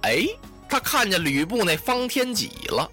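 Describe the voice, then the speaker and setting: A storyteller telling a classic tale in an animated way, voicing sound effects and adding asides. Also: mid-range voice, moderate pace, faint music behind. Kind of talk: traditional storytelling.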